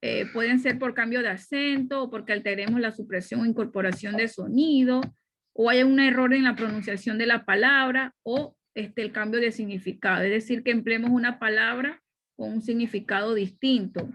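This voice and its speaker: A woman's voice: fairly high pitch, moderate pace, fairly bright tone. A middle-aged woman teaching a spoken grammar lesson over slides, explaining step by step and often checking in with her listeners. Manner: explanatory, frequent "¿ya?" check-ins and fillers.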